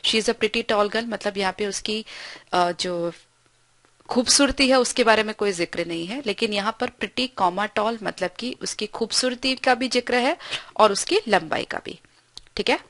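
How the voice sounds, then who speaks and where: A woman teaching English grammar in a recorded lesson, explaining patiently and reading example sentences slowly with frequent check-ins. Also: mid-range voice, fairly bright tone, no room sound.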